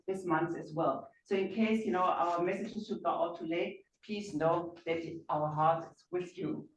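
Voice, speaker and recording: A woman chairing a speaking club meeting, chatty and quick to laugh. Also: lowish voice. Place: meeting room. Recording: echoey room from far off, faint noise.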